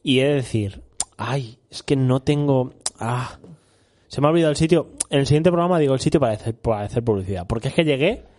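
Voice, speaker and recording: A man's voice: medium pitch, quick pace, a little mellow. A young man from Spain, co-hosting a casual chat and telling a rambling story, often laughing and saying "tío". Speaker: co-host.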